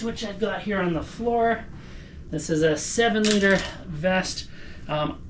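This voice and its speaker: A man's voice: fairly high pitch, slight background noise. A man talking casually to camera as a running vlogger, explaining things informally and thinking aloud. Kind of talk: casual vlog talk to camera.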